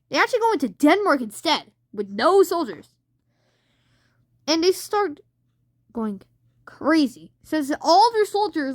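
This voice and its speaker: A woman's voice: sits high, a bit bright, no echo, studio quality. A woman hosting a casual alternate-history map commentary, rambling with lots of fillers and unsure asides. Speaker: channel host.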